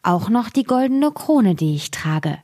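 A woman voicing a young, spoiled fairy-tale princess who speaks in a high, plaintive voice. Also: sing-song, a little slow, mellow.

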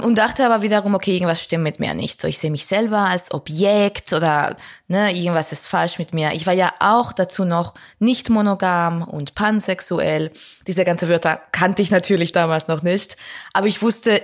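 A young woman from Spain, speaking German in a candid interview, reflective and full of fillers and restarts. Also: on the low side. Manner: reflective, many fillers and restarts, laughs often. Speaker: guest.

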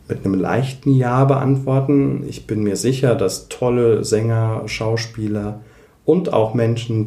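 Voice coach guy, mellow tone, explaining voice technique in an interview, roomy echo. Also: lowish voice. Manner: demonstrates voice techniques while explaining. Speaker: voice coach and speech therapist.

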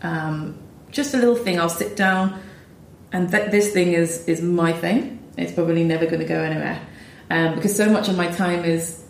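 A woman's voice: lowish voice, moderate pace, gravelly, slight background noise. A woman composer talking thoughtfully in a conversation, with frequent ums and restarts. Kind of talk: reflective conversation. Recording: roomy echo.

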